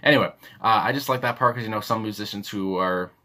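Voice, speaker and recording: Speaking quickly in a lowish, sharp-toned voice, the young man running a music reaction channel gives loose, unplanned commentary that meanders, stumbles over restarts and is packed with filler words.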